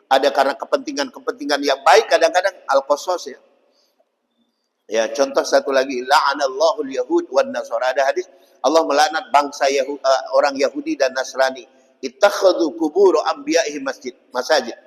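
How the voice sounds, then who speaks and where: A male preacher giving a casual, jokey dawn-study sermon in a mosque, chatting with the congregation. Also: fairly high pitch. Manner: jokey, chatty, keeps tagging "Pak" and "ya". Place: mosque hall. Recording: long mosque-hall reverb.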